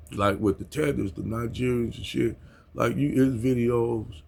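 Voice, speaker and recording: Here an American vlogger delivers a casual at-home rant in blunt, heavily profane street language, laughing at his own remarks. His voice is medium-pitched, creaky and a little mellow.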